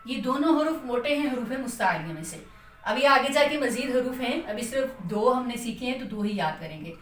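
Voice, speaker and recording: A woman's voice: fairly high pitch, animated, recorded from a distance. Echoey Pakistani woman teaching recitation. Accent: Pakistani Urdu. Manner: patient, repeats "theek hai" to check understanding; drawn-out chanted demonstrations of letter sounds. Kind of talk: tajweed lesson explaining letter articulation.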